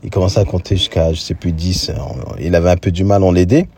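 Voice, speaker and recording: A man telling a personal story in a casual, reflective way, often pausing to search for his words. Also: low-pitched, level tone, dark tone, breathy edge, no room sound.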